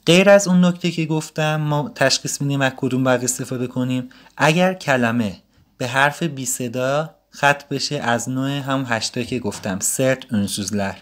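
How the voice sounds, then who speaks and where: A man giving a casual, patient language lesson, explaining grammar rules step by step. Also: medium pitch. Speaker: Turkish language teacher.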